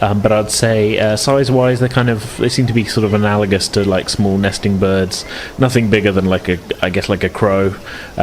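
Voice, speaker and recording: A man with a lowish voice acts as game master, improvising narration for a tabletop game. His descriptions are hesitant and hedging, full of "sort of," and a faint hiss or hum sits on the recording.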